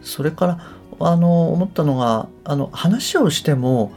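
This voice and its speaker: A middle-aged man hosts his own casual solo podcast, speaking in a slightly high, animated, unhurried, somewhat mellow voice with faint music behind him. He's a podcast host and English coach who reflects aloud, often phrasing his thoughts tentatively.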